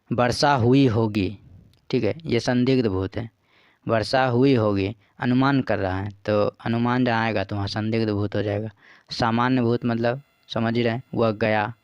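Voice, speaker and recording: A man's voice: mid-range voice, a little mellow, smooth, no echo, highs cut off. A man patiently explaining practice exam questions as a teacher. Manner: patient, repeats "ठीक है" and "देखिए".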